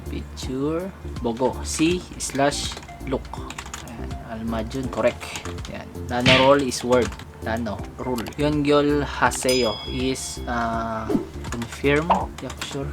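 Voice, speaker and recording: A man from the Philippines giving a casual, chatty language tutorial, laughing and thinking aloud as he goes. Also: medium pitch.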